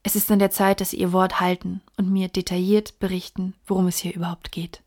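A woman reading as a blunt young baronet, gravelly. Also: mid-range voice, fairly quick, lightly acted. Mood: plainspoken. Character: young male baronet raised in America, blunt. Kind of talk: audiobook reading.

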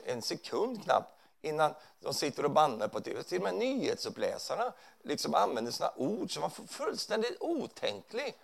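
Fairly high-pitched and gravelly, this man preaches a sermon in a church hall. His style is conversational, and he often checks in with the congregation by adding tag questions.

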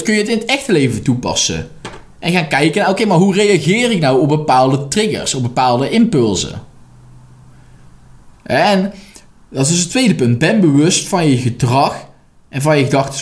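Emphatic male life coach, lively pitch. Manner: direct and emphatic, coaching the listener, with blunt swearing. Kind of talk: motivational podcast monologue.

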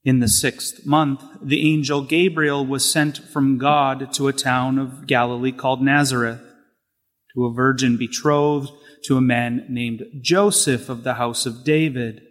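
A man serving as deacon, reading the gospel and preaching in a slow, measured way, with his voice echoing through a church. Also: medium pitch. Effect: cathedral-like church echo. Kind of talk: liturgical gospel reading and homily. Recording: long reverb in a church.

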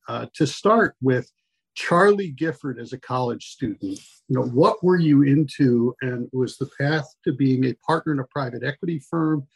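Male podcast co-host, wry and teasing, gravelly husky voice. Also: medium pitch. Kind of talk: casual podcast interview.

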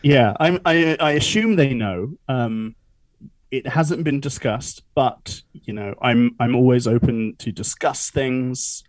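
A man's voice: medium pitch, slow pace, no echo, poor audio. A young man chatting as a podcast guest, laughing often and poking fun at himself. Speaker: podcast guest, cruise ship entertainer. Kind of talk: casual interview chat.

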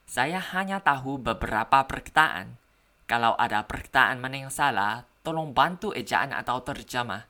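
A woman's voice: rumbling low, lively intonation, moderate pace, sharp tone. A woman with a foreign learner's accent speaking Indonesian as a non-native, carefully delivering a prepared personal podcast monologue. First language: not Indonesian.

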